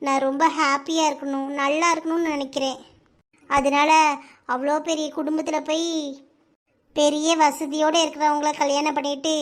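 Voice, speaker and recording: A woman's voice: sits high, natural voice. A woman with a Kanyakumari Tamil accent voicing a troubled young woman in a cartoon, speaking hesitantly. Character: young woman Thulasi, upset and evasive friend. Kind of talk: cartoon voice acting.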